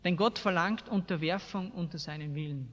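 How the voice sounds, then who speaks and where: Preaching to a seated crowd in a big, echoey hall with long reverb, this Austrian-accented man speaks in a high voice at a moderate pace, sounding a bit bright. His colloquial evangelical sermon is blunt and emphatic, peppered with rhetorical questions for the congregation, and the audio is dull.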